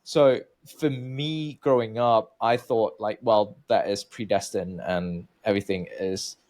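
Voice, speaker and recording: A man's voice: on the low side, steady tone, measured pace, darkish tone. A man from Malaysia in his thirties, telling his own story as a researcher guest in an interview, chatty with many fillers and restarts.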